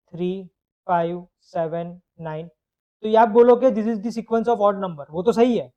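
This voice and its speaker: Mellow-voiced man teaching math. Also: sits high. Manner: explains step by step, asks questions and answers them; mixes English phrases into his explanation. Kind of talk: live online math lecture.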